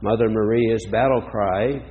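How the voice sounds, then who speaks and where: A man preaching a reflective sermon, slow and deliberate, with lingering pauses. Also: fairly low pitch, steady tone. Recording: dull lo-fi sound with long hall reverb.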